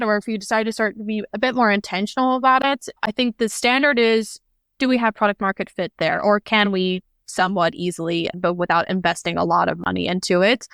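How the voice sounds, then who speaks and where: Speaking as a guest, this American head of product marketing, likely in her thirties, thoughtfully walks through her marketing work in response to interview questions. She leans on phrases such as "like" and "if you will," and her mid-range, slightly bright voice comes across in a dry recording.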